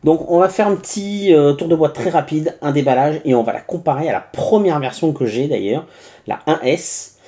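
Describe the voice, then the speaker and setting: A man's voice: fairly high pitch, moderate pace, dark tone. A man from France hosting a casual unboxing review, chatty and full of hesitations and little asides as he narrates each step. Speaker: tech reviewer.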